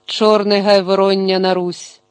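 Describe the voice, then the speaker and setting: A man's voice: high voice, level tone, measured pace, clean tone, dry recording. A man voicing a worn-out, poor male scribe who speaks in a tired, plaintive way. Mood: lamenting. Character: weary poor male scribe, frozen and humble.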